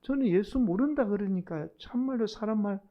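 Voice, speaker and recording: A man's voice: high voice, moderate pace, dull audio, close to an everyday voice. A man doing a panicked Gyeongsang fisherman. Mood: panicked pleading. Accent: Gyeongsang dialect, put on. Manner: panicked, pleading, loud protest. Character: flustered fisherman Peter denying Jesus.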